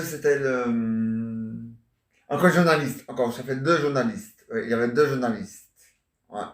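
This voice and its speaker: A man retelling and acting out a stage comedy in a halting, playful way, full of restarts. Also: mid-range voice. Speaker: theatre amateur. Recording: roomy sound from a distant mic.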